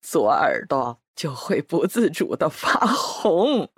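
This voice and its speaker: A woman voicing an elderly grandmother in an audio drama, tender and worried, talking slowly with heavy sighs. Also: deep voice, very animated, slightly rough, no echo, clean studio sound, heavily acted. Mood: coaxing. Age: older. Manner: slow, coaxing, sighing.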